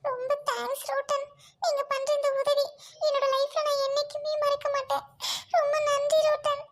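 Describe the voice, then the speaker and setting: A woman's voice: very high voice, flat delivery, moderate pace. A woman voicing a young woman doctor who pleads and insists, in an amateur audio drama. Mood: pleading.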